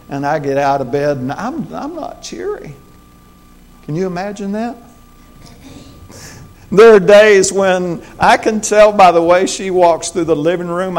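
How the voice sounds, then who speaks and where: A man in his sixties preaching a sermon as the pastor, in a folksy, conversational way with joking asides. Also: fairly high pitch. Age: 60s.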